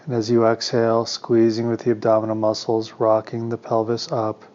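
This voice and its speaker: On a slightly muffled recording, a meditation teacher with a lowish male voice guides listeners, speaking soothingly and deliberately and leaving pauses between calm instructions.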